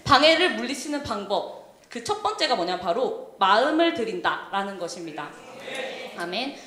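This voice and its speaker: A young adult woman leader preaching a sermon in a church, telling stories in an animated way and speaking directly to the congregation. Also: on the high side. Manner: animated storytelling, often laughing, addresses the congregation directly. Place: church sanctuary. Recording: echoey church hall.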